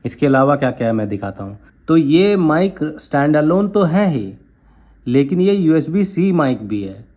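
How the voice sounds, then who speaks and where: A man's voice: on the high side, sing-song, moderate pace, darkish tone. A man demonstrating a handheld recorder for his viewers, explaining each step directly to them as a tech reviewer. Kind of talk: product demo. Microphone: handheld portable recorder.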